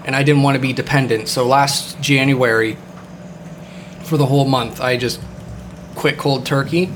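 A man's voice: medium pitch, steady tone, normal speed, noisy background. A man hosting a casual podcast chat, rambling with many fillers and the odd swear word. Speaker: podcast host.

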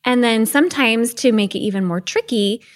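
A woman's voice: a little high, moderate pace. Woman podcast host recorded under a blanket. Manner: chatty, keeps checking in with "okay?". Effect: recorded under a blanket, muffled. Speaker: podcast host and teen life coach. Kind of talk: casual solo podcast talk. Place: empty echoey home office, under a blanket.

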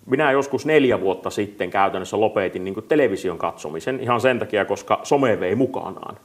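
A man's voice: fairly low pitch, expressive. A man hosting a casual talk, agreeing often and filling his speech with hesitant fillers. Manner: agreeable, fills speech with "niin kuin". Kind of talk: casual podcast chat.

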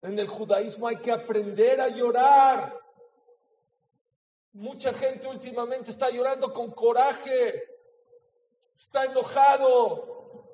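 A man giving an emotional sermon as a rabbi, swinging from soft to loud. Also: extremely high pitch, steady tone, slow. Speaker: rabbi teaching a Torah class. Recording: echoey hall, dull lo-fi sound.

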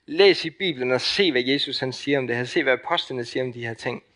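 A young man preaches in a Danish accent, his voice bright and ringing. He delivers the sermon with passion, pushing up into loud emphatic peaks and then dropping to hushed, intimate lines. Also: medium pitch.

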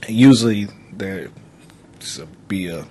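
A man co-hosting a casual podcast, making his points patiently between steady agreement. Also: lowish voice, slow, a little hiss or hum. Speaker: podcast co-host.

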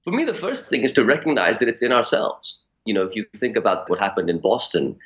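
A man in his forties from Pakistan, an author speaking in a radio interview in a measured, thoughtful way. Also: lowish voice, sing-song, fairly bright tone. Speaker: author guest.

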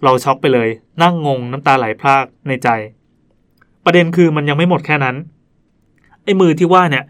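A male podcast host with a fairly high, brisk, slightly bright voice reads listener ghost stories aloud in a chatty way. Every so often he breaks off to joke and comment.

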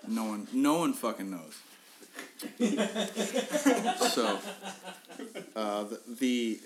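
A man's voice: on the low side, fairly bright tone, slight background noise. A young man on a podcast telling a funny story in a casual way, swearing often, laughing at his own story and often restarting his sentences. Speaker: podcast co-host.

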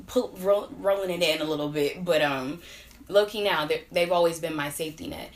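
Bright-voiced young woman, chatty and animated. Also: lowish voice. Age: 20s. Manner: animated, laughing storyteller. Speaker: podcast guest. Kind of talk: casual chat.

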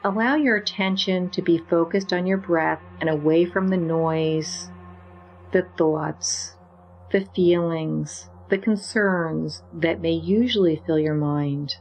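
A woman leading a guided meditation with slow, soothing, gentle instructions. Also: lowish voice, muffled recording, soft background music.

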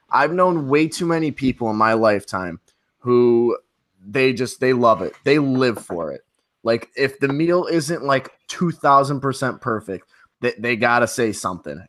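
A man's voice: mid-range voice, a bit bright. A man co-hosting a casual podcast, blunt and emphatic, swearing freely. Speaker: podcast co-host.

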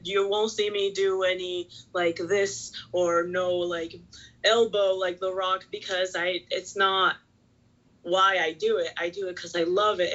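This is a casual podcast chat with a woman in her twenties from Puerto Rico, a pro wrestler who peppers her guest talk with "like." The recording is muffled, and her fairly low voice carries a fairly bright tone.

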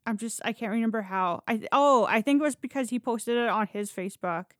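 A podcast host tells stories in a casual, chatty way, blunt and informal with loose swearing. Her voice is fairly high, brisk and a bit bright, recorded as clean studio sound without echo.

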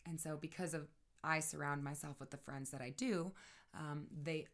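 A woman calmly reflecting on her own grief in a personal monologue, speaking softly and earnestly and often sinking to a hushed near-whisper. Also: low-pitched, normal speed. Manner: keeps checking in with "right?".

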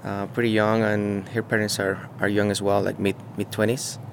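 A Mexican muralist, interviewed casually on site beside his mural, speaks in a fairly low, level, creaky voice. He halts and searches for words, full of fillers and restarts. The field recorder outdoors picks up faint traffic behind him.

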